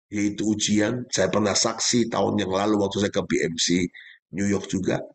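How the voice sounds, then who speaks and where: A male pastor preaching a sermon, speaking straight to his congregation with emphatic, leaping exclamations. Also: gravelly. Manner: emphatic preaching with sudden pitch leaps; addresses congregation directly.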